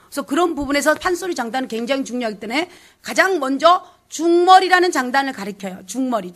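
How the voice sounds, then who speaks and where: Animated high-voiced Jeolla woman teaching. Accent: Jeolla dialect. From South Jeolla, Korea. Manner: animated, switches into dialect role-play and sung phrases. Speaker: pansori teacher. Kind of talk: lecture with sung and acted examples.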